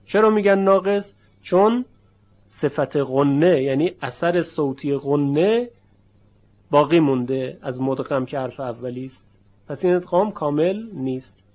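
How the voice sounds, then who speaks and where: Male tajweed teacher, slightly high voice. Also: darkish tone. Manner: explains patiently, then demonstrates the sounds slowly and emphatically. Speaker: Quran recitation teacher. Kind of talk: tajweed lesson.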